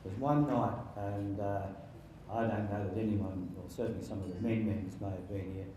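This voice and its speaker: A man in his sixties giving an informal wedding speech as father of the bride, halting and jokey with sentimental touches. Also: on the low side, steady tone, mellow. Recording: very echoey room with faint background noise.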